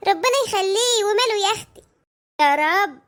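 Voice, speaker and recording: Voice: very high-pitched, expressive, a little fast, a bit bright, voice pushed up. A performer voicing a sly, envious Egyptian makeup lady who often remarries.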